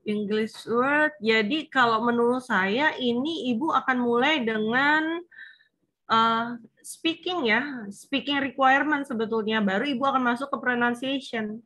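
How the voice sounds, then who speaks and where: A woman's voice: on the high side, measured pace, fairly bright tone. A woman supervisor advising a student on her thesis plan, explaining patiently with frequent fillers. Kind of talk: online thesis consultation.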